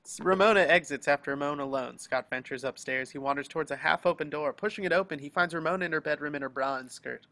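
In an online group video call, a man narrates the action lines of a screenplay during a table read. His voice is bright and forceful, pitched a little above the typical male range, and he reads fast with almost no pauses.

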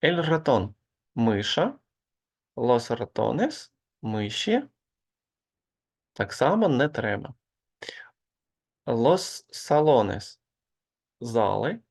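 Slow, gravelly male language teacher. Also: mid-range voice, sing-song. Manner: slow, patient explaining with hesitant fillers. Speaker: Spanish teacher. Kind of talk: online grammar lesson.

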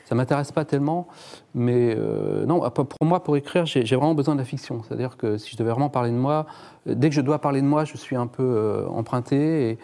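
A man's voice: mid-range voice, brisk, gravelly, warm tone. A man on a discussion panel who talks in a modest, hesitant and plain way. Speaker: novelist guest.

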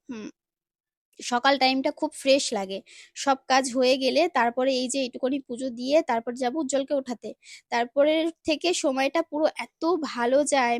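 A woman narrating a casual vlog at home, relaxed and explaining step by step with small fillers. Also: sits high, no room sound, studio quality. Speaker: lifestyle vlogger. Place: home balcony.

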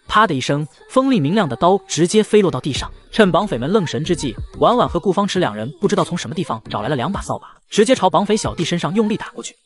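A man narrating an animated comic story in a scripted, rapid style. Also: fairly high pitch.

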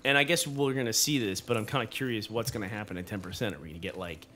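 A man's voice: lowish voice, fast talker, background noise. A man co-hosting a kids' gameplay show, chatting casually with his son as they play. He is curious and playful, asks lots of questions and cheers his son on.

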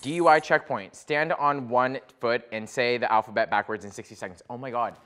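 A man's voice: mid-range voice, a little fast, fairly bright tone, a little hiss or hum. A young man competing on a game show, dramatic and flustered as he takes on challenges. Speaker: contestant. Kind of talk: casual game-show banter.

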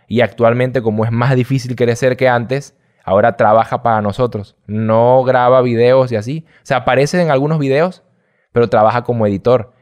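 A man's voice: medium pitch, clean tone. A young adult man from Venezuela with a light Venezuelan accent, chatting casually and rambling as an interview guest. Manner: relaxed, rambling, drops slang. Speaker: guest youtuber.

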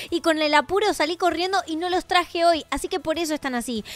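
A woman's voice: high-pitched, fairly bright tone. A woman with an Argentine accent narrating a game role-play and speaking in a tender, soothing, motherly way. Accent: Argentine Spanish.

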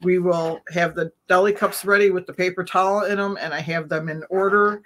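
A middle-aged woman on a video call from home, calmly explaining her routine step by step as an interview guest. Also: on the low side, a little fast, slight background noise. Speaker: reptile vendor guest. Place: home room. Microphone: webcam on a video call.

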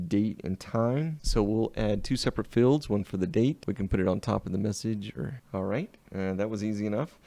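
A man with a Southern US accent talks through a software tutorial one click at a time. His voice sits fairly low and has a gravelly, frayed edge, with a dark, mellow tone. The sound is close and dry, with no room around it. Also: no echo. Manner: unhurried step-by-step walkthrough. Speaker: web design instructor. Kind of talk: screen-recorded software tutorial.

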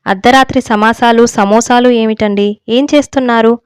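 A practical young wife in a storybook who teases her husband with mild irritation, as a woman reading the tale voices her. Her voice is smooth and fairly high, recorded close and dry. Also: fairly even intonation, normal speed, no echo, natural voice. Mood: teasing. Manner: teasing, irritated. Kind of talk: audiobook storytelling.

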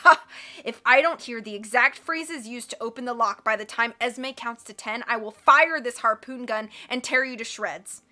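A woman voices a greedy, blustering middle-aged villain for an audiobook, snarling, growling, sneering, and roaring at everyone. Her pitch is fairly high and her tone sharp, at a moderate pace.

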